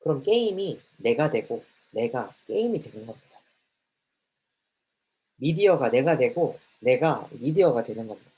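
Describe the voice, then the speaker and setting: A man's voice: mid-range voice, big pitch swings, normal speed, long pauses, mellow. A man preaching a sermon to a children's ministry, emphatic, with repeated phrases that rise and fall.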